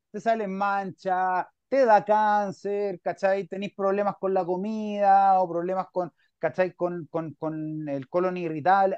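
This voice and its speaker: Chilean man, high voice, lo-fi dry call. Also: no room sound. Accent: Chilean Spanish. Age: young adult. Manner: rambling, filler-heavy, animated. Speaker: podcast host. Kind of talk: casual conversation on a video call. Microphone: video call. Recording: dull, dry lo-fi audio.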